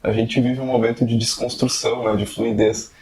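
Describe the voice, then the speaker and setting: A man's voice: mid-range voice, little pitch movement, normal speed, creaky, a little mellow, slight background noise. A man giving a casual, conversational video lesson on fiction writing, often tagging questions onto his sentences. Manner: conversational, frequent tag questions. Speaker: writing teacher.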